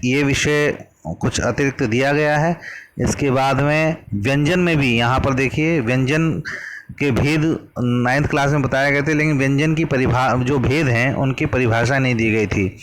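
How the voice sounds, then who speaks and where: A man's voice: mid-range voice, noisy background. A man teaching a grammar lesson from a worksheet, patiently explaining and drawing out vowel sounds as examples.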